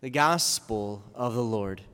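Preacher, male, mid pitch, casual homily, cathedral echo on the voice. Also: slow pace, fairly bright tone. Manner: conversational, with rhetorical questions. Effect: cathedral-like church echo. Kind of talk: gospel reading and homily. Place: large church. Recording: long reverb in a large church.

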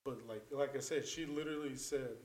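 A man's voice: medium pitch, fairly quick. A man telling a story in a casual podcast chat, rambling and loose, full of filler words and swearing. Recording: roomy echo.

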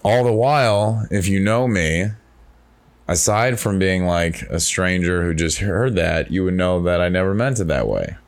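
Brief: male podcast host, lower pitch, casual and rambling. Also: animated, measured pace. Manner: rambling, reflective, many restarts. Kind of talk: casual chat.

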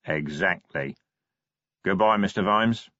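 A man voicing a calm, mysterious male sage who speaks slowly and in measured tones. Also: dry recording, heavily acted. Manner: slow, measured, deep, enigmatic. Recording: dry, slightly dull audiobook sound.

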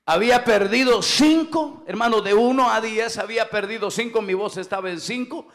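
Preaching a Pentecostal sermon at a moderate pace, a high-voiced middle-aged pastor shouts his words and drops "aleluya" and "hermano" in between phrases.

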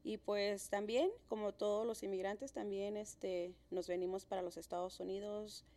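A woman's voice: mid-range voice, fairly even intonation, moderate pace, mellow. A woman in her thirties from Mexico, a podcast co-host talking in a friendly, easy way. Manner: friendly, encouraging interviewer. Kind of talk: casual conversation.

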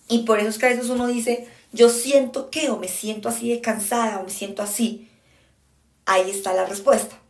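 A woman podcast host giving frank, emphatic relationship advice in a casual monologue, speaking straight to her listeners. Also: on the high side. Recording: echoey room.

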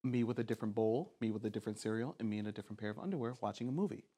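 A man's voice: fairly low pitch, racing, warm tone, breathy edge. A young man hosting a casual podcast, joking and arguing his point with frequent laughs. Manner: joking, argumentative, laughs often. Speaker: podcast host. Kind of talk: casual chat.

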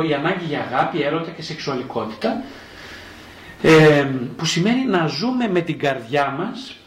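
A man's voice: fairly high pitch, roomy sound, a little hiss or hum, rough recording. A male psychotherapist giving a spoken lecture, asking questions and then answering them himself, and sometimes speaking as a child in the first person. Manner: animated, asks and answers his own questions.

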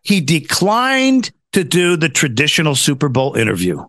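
A man's voice: fairly high pitch, wildly swooping pitch, normal speed, a bit bright, no echo, clean studio sound. An American man hosting a talk show, giving casual political commentary in an exasperated, sarcastic, ranting way.

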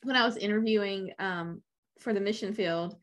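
A woman's voice: mid-range voice, moderate pace. A woman co-hosting a podcast in casual conversation, with a blunt, wry way of talking. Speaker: podcast co-host. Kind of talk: casual chat.

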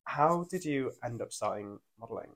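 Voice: mid-range voice, animated, moderate pace, a bit bright. A young adult with a Durham accent from North East England, hosting a casual podcast interview with informal, loosely phrased questions. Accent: Durham, North East English. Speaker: podcast host. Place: living room.

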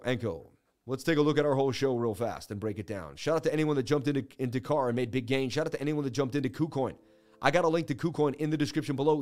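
A man's voice: mid-range voice, darkish tone. A man hosting a crypto trading channel, giving casual screen-share market commentary in a slangy, boastful way with repeated catchphrases.

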